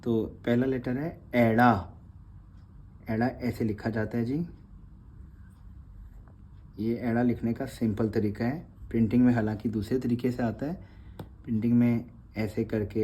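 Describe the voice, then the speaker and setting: A man's voice: medium pitch, dark tone, slight background noise. A man teaching a spoken lesson on writing letters, patiently sounding them out and checking in after each word. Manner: patient, repeats sounds aloud, frequent "theek hai ji". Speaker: Gurmukhi teacher.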